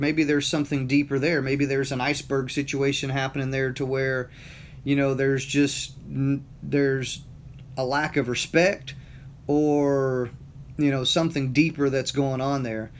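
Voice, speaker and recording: A middle-aged man with a Southern US accent and a fairly high voice gives a casual motivational monologue. He rambles, using lots of fillers and repeating words, with slight background noise.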